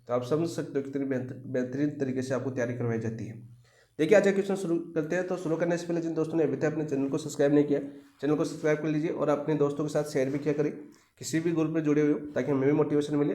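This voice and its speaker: Fast-talking man teaching an exam-prep class. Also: on the high side, dark tone, echoey room. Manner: repetitive, asks the class questions and answers them himself.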